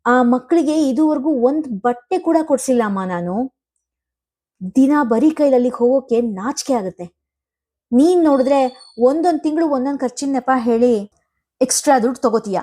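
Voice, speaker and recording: A woman's voice: sits high, lively intonation, normal speed, mellow, voice pushed up. A woman reading an angry, proud young husband. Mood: resentful. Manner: raised, resentful voice.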